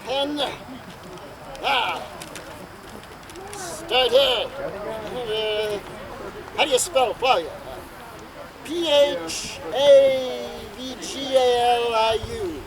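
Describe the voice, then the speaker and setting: A man playing a greedy, gleeful scheming servant in a live outdoor comedy, speaking with slow theatrical villainy. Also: a crowd in the background, full character voice. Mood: pondering. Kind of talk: live outdoor commedia dell'arte comedy performance. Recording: very noisy outdoor recording with wind rumble.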